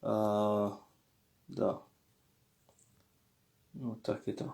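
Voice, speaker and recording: A man teaching a language lesson in a hesitant way, with many fillers and slow, careful pronunciation drills. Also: lowish voice, flat delivery, vocal fry, darkish tone.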